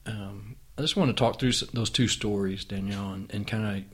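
A man hosting a conversation with his wife, reflective and unhurried, with frequent restarts. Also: on the low side, steady tone, breathy edge. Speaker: podcast host and author.

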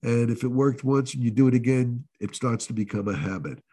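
Congested guy with a nasal cold, earnest self-help host vibe, kinda husky. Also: medium pitch, warm tone. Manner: earnest, coaching, with pauses and restarts. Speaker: podcast host.

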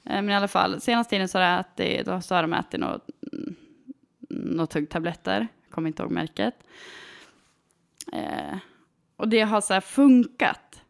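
A woman in her thirties chats casually, spinning a story with lively, animated energy. She is full of fillers and small restarts and keeps the tone conversational and unpolished. Her voice sits at a middle pitch. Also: creaky.

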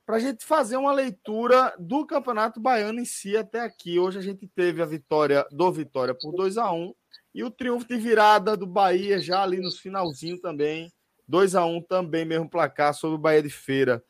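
High-voiced male host. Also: normal speed. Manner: informal, slangy. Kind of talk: casual sports live show hosting.

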